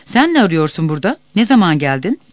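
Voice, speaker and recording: A man doing a loud, bullying village headman. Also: on the high side, big pitch swings, fast talker, no echo. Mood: suspicious. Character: bossy middle-aged male village headman.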